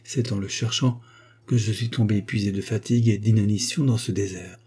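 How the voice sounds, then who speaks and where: Male narrator reading a novel: dark, husky, steady. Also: fairly low pitch, brisk. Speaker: audiobook reader. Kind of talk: scripted narration.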